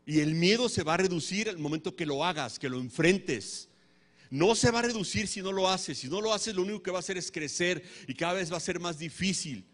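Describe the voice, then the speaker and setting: A man's voice: sits high, fairly quick. A man preaching a sermon, emphatic and repeating his key phrases over and over. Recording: long hall reverb.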